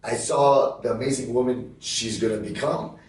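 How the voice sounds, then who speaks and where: A man's voice: mid-range voice, fairly even intonation, moderate pace, a little mellow, heavy reverb, recorded from a distance, low-quality recording. A man who runs a fight gym, talking earnestly and emphatically in a casual podcast conversation, often repeating himself. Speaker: MMA gym owner and coach.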